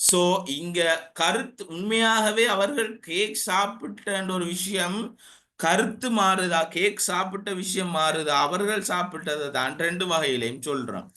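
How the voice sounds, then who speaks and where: A male English teacher, explaining grammar and slowly dictating example sentences. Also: high-pitched, bright, forceful tone. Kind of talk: classroom grammar lesson.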